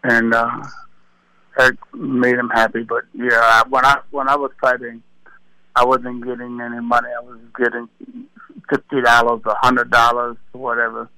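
A man in his seventies, a retired boxer, talking slowly and easily in an interview, often repeating words. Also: medium pitch, monotone, pushed and bright, no room sound, rough recording. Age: 70s. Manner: slow, easygoing, repeats words. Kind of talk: casual phone interview.

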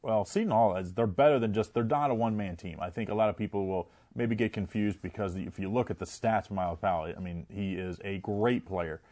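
Male betting analyst, lowish voice, casual and hedging. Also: brisk, hardly any pauses, a little mellow. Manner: conversational, hedging, self-correcting. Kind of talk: casual sports betting talk.

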